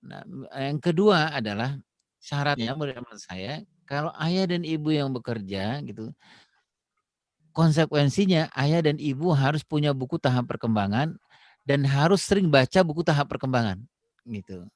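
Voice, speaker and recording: A man's voice: a little high, lively intonation, normal speed, dry recording, studio quality. A man speaking on parenting in a casual, explanatory way, dropping frequent fillers and acting out little dialogues. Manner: explains with many "gitu" fillers, acts out phone dialogues.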